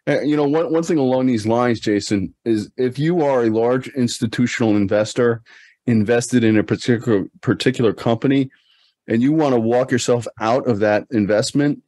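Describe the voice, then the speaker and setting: A man's voice: mid-range voice, normal speed, warm tone, dry recording. A man co-hosting a finance podcast, chatting casually with many fillers and restarts. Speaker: podcast co-host.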